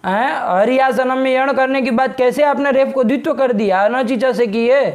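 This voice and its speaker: Brisk, scolding Sanskrit grammar teacher. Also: male voice, very high voice. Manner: brisk, scolding, presses the student to speak plainly. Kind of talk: online grammar class.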